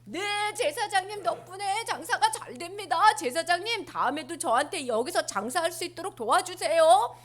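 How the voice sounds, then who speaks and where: Lady playing a sucking-up merchant guy, high bouncy voice, kids' bible story. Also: moderate pace, hardly any pauses. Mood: flattering. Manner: flattering. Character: fawning male temple merchant, eager to please.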